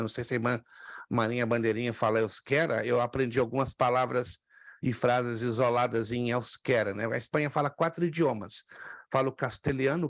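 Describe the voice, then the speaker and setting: A man's voice: medium pitch, dry recording. A man from Brazil teaching a class on biblical Greek, patiently repeating words and asking students questions. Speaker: theology teacher. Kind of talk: classroom lecture.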